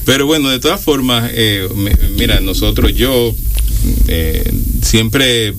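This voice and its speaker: A Dominican man with a mid-pitched voice speaks as a guest on a radio talk show, with a Dominican Spanish accent. He stops and restarts often, stacking fillers, then pushes his point with emphatic bursts. A faint hiss sits under the voice. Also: slow. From Dominican Republic. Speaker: guest, university lecturer.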